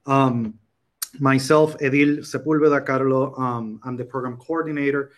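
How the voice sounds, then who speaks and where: A man in his forties from Puerto Rico, giving an online conference presentation with many pauses and fillers. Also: mid-range voice, fairly even intonation. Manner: hesitant, many ums and uhs. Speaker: program coordinator presenting. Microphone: video call.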